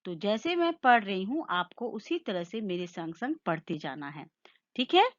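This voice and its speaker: A woman teacher giving a Hindi lesson, slowly sounding out each word and explaining its meaning. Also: mid-range voice, sing-song, muffled recording. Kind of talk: slow classroom lesson with call-and-repeat.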